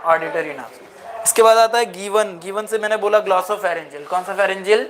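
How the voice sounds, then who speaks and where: A man's voice: high voice, normal speed, a little hiss or hum. A man teaching a lecture, mixing in English phrases and asking the class questions again and again. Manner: asks the class repeated questions.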